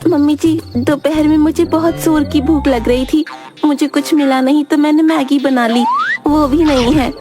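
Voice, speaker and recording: A woman's voice: high voice, fairly even intonation, moderate pace, natural voice. A woman voicing a plump, always-hungry young bride in a cartoon, with a whiny, pleading way of talking over background music.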